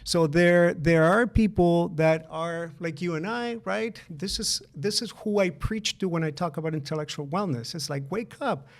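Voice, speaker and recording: With a voice on the high side, normal speed and few pauses, a middle-aged man from Chile co-hosts a relaxed podcast. Earnest in tone, he repeats opening words and frequently asks "right?".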